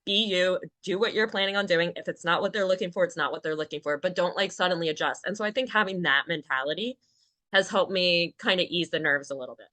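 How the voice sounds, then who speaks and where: A young woman who is a Paralympian and actor chats casually as a podcast guest, telling stories in a candid, talkative way. Her voice is lowish, quick, pushed and bright, with no echo.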